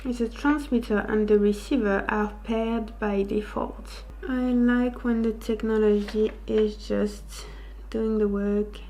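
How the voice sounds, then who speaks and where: A woman's voice: medium pitch, fairly even intonation, takes it slowly, dark tone, rough recording. A woman doing a casual, chatty ASMR unboxing and product review, thinking aloud as she tests the gear. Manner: rambling, thinking aloud while testing gear. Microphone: close wireless lavalier microphone being tested.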